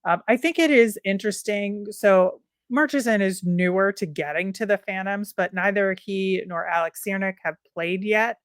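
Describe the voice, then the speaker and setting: A woman's voice: mid-range voice, moderate pace, hardly any pauses, dry recording, clean studio sound. A woman co-hosting a sports podcast, chatting casually and thinking aloud with plenty of fillers. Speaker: podcast co-host.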